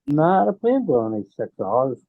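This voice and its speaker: A man's voice: mid-range voice, sing-song, unhurried, no room sound. A man chatting casually on a video call from his phone, joking easily, his audio muffled and glitching.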